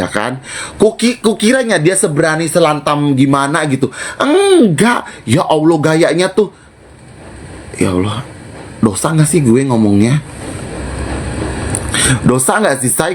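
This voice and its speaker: A man's voice: medium pitch, lively intonation, measured pace, pauses often. Mocking man. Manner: mocking, reenacts quoted lines, repeats himself. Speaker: livestream seller. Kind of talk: gossipy livestream rant.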